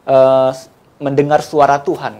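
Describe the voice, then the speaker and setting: A man's voice: mid-range voice, completely flat delivery, a little slow, mellow. A man hosting a church talk show, asking questions hesitantly with many fillers. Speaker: host.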